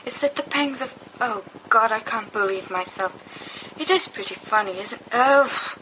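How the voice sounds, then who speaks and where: A woman's fairly high, sharp-toned voice moves at an unhurried pace as she reads fiction aloud for amateur podfic. She expressively acts out the lines of giddy young men in distinct character voices, though the audio is poor, a home recording with faint noise behind it.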